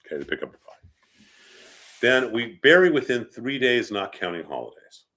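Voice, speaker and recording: His mid-range voice sounds pushed and bright, very animated, at a moderate pace. The speaker is a rabbi with a head cold who sniffles a bit while teaching funeral customs conversationally, often asking short questions to check in.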